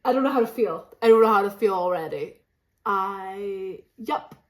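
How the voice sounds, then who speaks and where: In an echoey space with faint background noise, a book vlogger chats informally to camera about her reading, leaning on repeated phrases for emphasis. She sounds a bit run down from a cold, though her medium-pitched voice is animated at a moderate pace.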